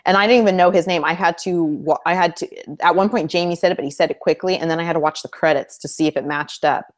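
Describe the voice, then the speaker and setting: A woman's voice: fairly low pitch, steady tone, fast. A woman co-hosting a casual fan discussion show, chatty and opinionated, who laughs while she talks. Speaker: co-host. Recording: web show hangout recording.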